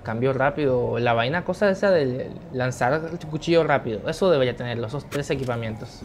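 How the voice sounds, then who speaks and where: Male gamer, mid-pitched, casual running commentary over loud gunfire. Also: brisk, background noise. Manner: chatty, thinks aloud, shouts when surprised. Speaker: gameplay streamer. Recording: game gunfire behind voice.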